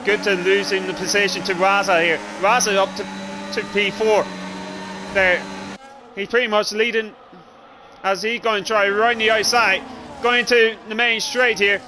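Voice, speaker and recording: A man's voice: sits high, little pitch movement, normal speed, long pauses. A man doing live race commentary on a livestream of a sim racing event. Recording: clearly noisy, engine noise behind.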